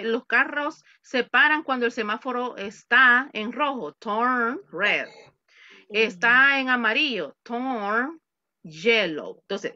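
A woman teaching English over a video call speaks slowly, taking her time with each example. Her voice is bright and a little high, recorded dry and a bit dull through a computer mic. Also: no echo. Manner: patient, repeats words slowly for students. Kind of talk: online English class explained in Spanish. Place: home.

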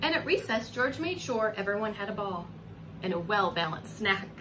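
With big swings in pitch around a mid-range voice and a normal speed, a woman in her forties reads a children's story as a preschool teacher would. She drags out words expressively and coaxes her young audience with questions. Background noise from the home recording is obvious.

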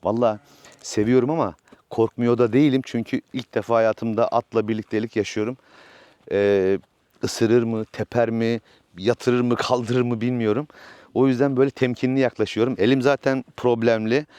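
A man's voice: mid-range voice, steady tone, moderate pace, darkish tone, clean tone, no room sound. A man vlogging outdoors from his village farm, chatting casually about his new horse and coaxing it along. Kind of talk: casual vlog narration.

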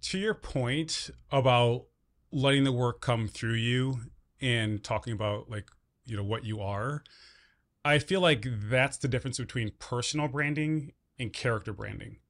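A man hosting an interview podcast, speaking close to a broadcast mic at his home studio desk. His voice sits at an ordinary middle pitch. He talks in a measured, reflective way as he sums up his guest's ideas. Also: fairly bright tone. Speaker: podcast host. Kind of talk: conversational interview. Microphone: studio podcast mic on boom arm, headphones.

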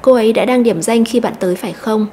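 A woman teacher explaining an English lesson step by step, slowly repeating each word to stress. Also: on the high side, dark tone, a little hiss or hum. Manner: methodical, repeats words slowly.

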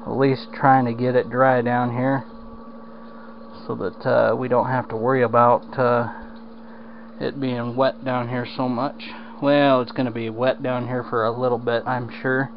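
A man's voice: mid-range voice, little pitch movement, measured pace, creaky, a little hiss or hum. A man casually rambling with plenty of fillers while filming a home repair walkthrough in a damp basement on a handheld camera. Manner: rambling, drawling, lots of fillers. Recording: dull lo-fi camera audio.

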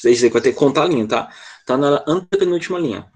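A man's voice: on the high side, expressive, fast talker, a little mellow. A man teaching an online English lesson to children, patient and constantly checking in with short questions. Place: online class over a video call.

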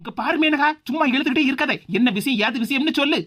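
A sharp-tongued young daughter-in-law, voiced by a woman in a cartoon, speaking with a Tirunelveli Tamil accent. Her voice is high and she talks fast. Her retorts come out sarcastic. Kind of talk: cartoon voice acting.

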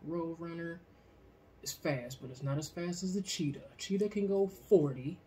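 A man's voice: on the high side, moderate pace, dark tone. A young man bantering casually on a podcast, slangy and sweary, trading trivia guesses with friends. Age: young adult. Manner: informal, slangy, profane. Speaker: podcast co-host. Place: small indoor room at a table. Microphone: shared podcast microphone on table.

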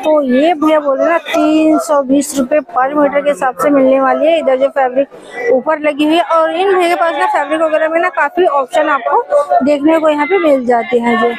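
A woman with a high voice narrates a casual shopping vlog while walking through a busy outdoor street market. She chats on and on, repeats prices and calls out to the stall keepers. Crowd chatter fills the background. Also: normal speed, rough recording. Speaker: vlogger showing market stalls.

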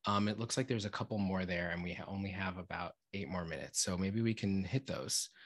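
A man's voice: low-pitched, brisk. A man on a video call as a panelist in an online discussion, thinking aloud with frequent fillers and restarts.

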